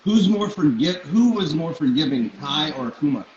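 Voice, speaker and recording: Higher-voiced male host in a roomy space. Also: expressive, normal speed. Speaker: interview host. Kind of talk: casual interview chat. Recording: muffled, roomy, noisy audio.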